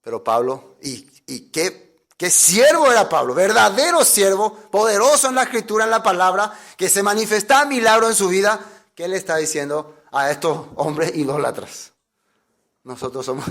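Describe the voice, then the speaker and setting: High-voiced man preaching a sermon. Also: very animated, normal speed, fairly bright tone. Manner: emphatic, asks the listeners rhetorical questions; acts out quoted voices. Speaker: pastor.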